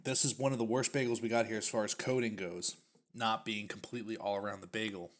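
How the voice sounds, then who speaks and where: A man's voice: on the low side, fairly even intonation, fast. A man casually reviewing snack foods on his stream, chatty and full of fillers, sometimes talking with his mouth full. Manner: chatty, uses many fillers, talks while chewing.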